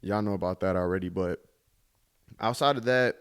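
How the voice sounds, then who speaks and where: A man's voice: low voice, moderate pace, smooth. A man in his twenties hosting his own podcast, talking in a laid-back, reflective way with casual swearing. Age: 20s. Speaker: podcast host. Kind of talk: casual solo podcast monologue.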